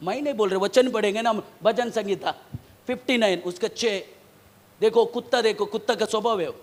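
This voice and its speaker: A man with an unusually high voice preaches a sermon as pastor. He repeats his phrases, tells listeners to read verses aloud, and calls out questions to them. His delivery jumps between loud bursts and quiet asides. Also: a little fast. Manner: emphatic, repeats phrases, swings from loud outbursts to low asides.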